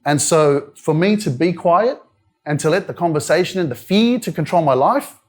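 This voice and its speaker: A man with an Australian accent works a live indoor crowd as a motivational speaker, keeping things casual and direct, talking with the audience and letting the occasional swear word slip. His voice sits on the high side, animated, at a moderate pace.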